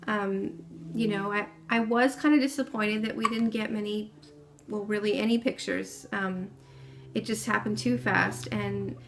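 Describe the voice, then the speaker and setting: A young woman softly and casually recounts her baby's home birth, pausing often and using lots of fillers. Her medium-pitched voice stays steady and creaky, with a faint hiss or hum in the background.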